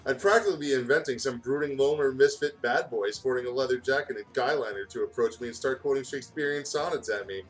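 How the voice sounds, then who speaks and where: This gaming video host rushes through a casual fan fiction reading with hardly any pauses, tripping over words and breaking off to add remarks. His voice is mid-range, the audio is poor, and music plays in the background.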